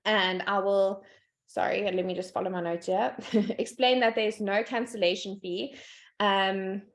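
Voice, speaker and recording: Chatty, upbeat woman presenting over a video call; middle pitch, laughs between points. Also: steady tone, unhurried. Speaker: guest speaker, sales team leader.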